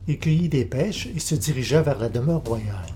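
Mellow-voiced male storybook narrator. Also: medium pitch, faint music behind. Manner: measured, even storytelling.

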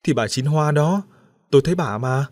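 A man's voice: fairly high pitch, expressive, normal speed, a little mellow, no echo, clean studio sound, pitched above the performer's own voice, close to an everyday voice. A narrator plays a husband gone out of his mind in an audiobook, pleading and babbling in a raised, strained voice. He rambles on as if something unseen has hold of him. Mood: bewildered. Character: delirious haunted village husband, out of his mind.

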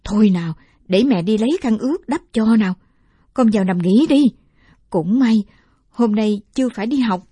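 A man voicing a caring old woman in an audiobook story, asking anxious, rapid questions and scolding tenderly. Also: high voice, warm tone, husky, dry recording, clean studio sound, voice pushed up. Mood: soothing. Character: fretful, caring old woman who dotes on the boy. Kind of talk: audiobook character voice.

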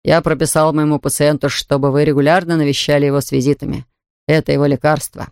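A woman reading an audiobook, voicing a calm middle-aged male doctor in a slow, measured way. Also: low voice, smooth, dry recording. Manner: slow, measured and gently dry.

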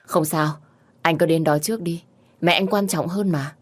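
A woman's voice: lowish voice, fairly even intonation, normal speed, natural voice. A woman voicing a young single mother who is protective and strained, shifting from scolding to tearful pleading. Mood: concerned.

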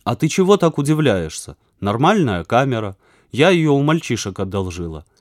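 Male reader voicing a brisk young schoolgirl for a kids' audiobook, dry close sound. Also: medium pitch, very animated, no room sound, natural voice. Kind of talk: audiobook character voice.

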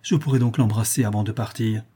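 A man's voice: on the low side, fairly even intonation, a little fast, warm tone, breathy edge. A man reading an audiobook and voicing a poor, grief-stricken craftsman, tearful and pleading. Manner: pleading, emotional.

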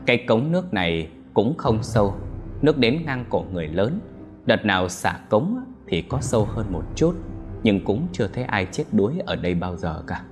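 A man with a fairly low voice narrating a dramatic audio story. His delivery is lively and expressive, rising and falling a great deal. Soft music runs faintly underneath. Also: moderate pace.

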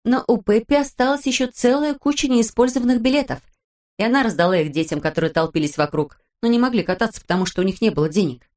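A woman narrating a children's audiobook in an even, steady manner. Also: a little high, fast talker. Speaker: audiobook reader.

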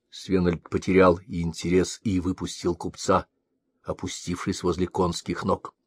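A man reading a story aloud in a measured, storytelling manner. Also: sits low, darkish tone, husky, dry recording. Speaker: narrator. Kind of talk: scripted audiobook narration.

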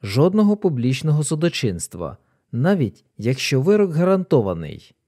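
A man voicing a calm, composed male detective who speaks low and matter-of-fact. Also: normal speed, heavily acted.

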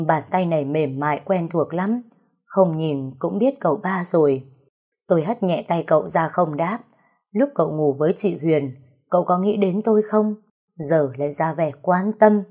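A woman narrating a first-person story in a slow, emotional, dramatic reading. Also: fairly low pitch, dark tone, breathy edge.

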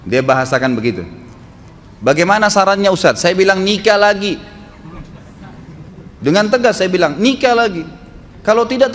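A man preaching a sermon in a forceful, admonishing way, his pitch jumping up sharply for emphasis. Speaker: Islamic preacher. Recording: long hall reverb, faint room noise.

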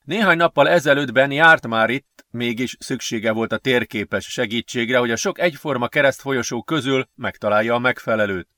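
A man narrates a science-fiction adventure book in a steady, measured storytelling voice. His pitch is middling and plain. The recording is dry and close, with no room sound. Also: no room sound. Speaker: audiobook narrator. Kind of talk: scripted narration.

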